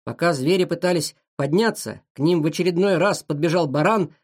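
A narrator reading a children's adventure story aloud with an expressive, animated delivery. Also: medium pitch, brisk, slightly rough.

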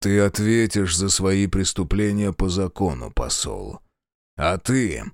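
A man's voice: sits low, lively intonation, slow pace, dry recording, studio quality, pitched below the performer's own voice, full character voice. A man voicing a cold, commanding prince. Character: stern, icy male prince and archmage.

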